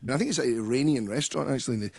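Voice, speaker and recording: Husky-voiced interviewer telling anecdotes. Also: male voice, mid-range voice, rapid-fire, a little mellow, no echo. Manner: conversational, storytelling, frequent laughs. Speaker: interviewer host. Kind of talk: casual interview chat.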